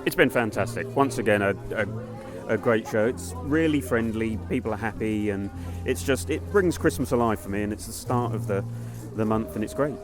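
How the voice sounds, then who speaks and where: A man's voice: on the low side, moderate pace, few pauses, over music. A man stall holder talking earnestly about his art and the market, with a few restarts. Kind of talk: casual interview.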